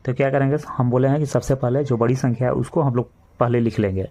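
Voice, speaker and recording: A man's voice: medium pitch, fairly even intonation, dark tone. Hindi-accented male maths teacher explaining step by step. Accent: Bihari Hindi. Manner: slow, repetitive step-by-step explaining, addresses children. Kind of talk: classroom maths lesson.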